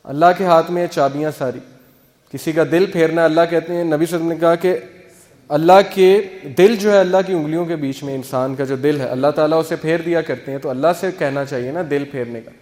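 A man's voice: a little high, a little mellow. A male teacher giving an earnest, conversational religious talk, explaining with everyday examples and mixing in English words. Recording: long hall reverb.

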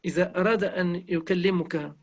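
A man speaks in a high, gravelly, husky voice. He reminisces gently and reverently, softly repeating phrases. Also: steady tone, brisk. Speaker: interviewee. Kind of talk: reminiscing conversation.

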